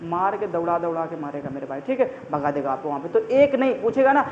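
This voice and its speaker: A man's voice: a little high, expressive, fast, echoey room, long reverb tail. Brief: friendly male grammar teacher, repetitive, muffled lo-fi recording with faint hiss. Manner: chatty, repetitive, keeps calling listeners brother; everyday examples, constant checking-in fillers. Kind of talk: casual exam-prep grammar lesson.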